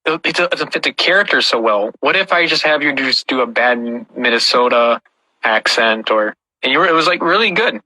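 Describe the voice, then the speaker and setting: A man's voice: medium pitch, animated, normal speed, sharp tone, no room sound, rough recording. A man hosting a casual podcast about puppets, telling stories with frequent restarts. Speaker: podcast host and puppet creator.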